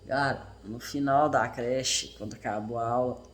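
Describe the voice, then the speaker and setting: A man's voice: medium pitch, steady tone, slight background noise. Earnest Brazilian man in his thirties. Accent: Brazilian Portuguese. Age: 30s. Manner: earnest, halting, reflective, with restarts and self-corrections. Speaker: father and vlogger. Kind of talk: casual personal storytelling.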